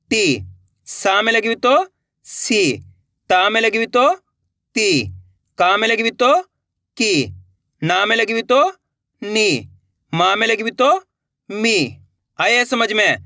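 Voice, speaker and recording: A man's voice: high-pitched, pushed and bright, dry recording, studio quality. A man teaching a beginner reading lesson, sounding out syllables one by one and often checking that the learner follows. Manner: slow, drawn-out syllable drills with repeated checks for understanding.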